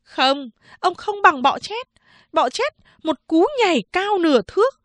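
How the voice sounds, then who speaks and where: A woman's voice: extremely high pitch, animated, a little slow, a bit bright, dry recording, voice pushed up, heavily acted. A woman voicing a scornful young woman who mocks with cutting insults, in an audiobook. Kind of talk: audiobook character voice.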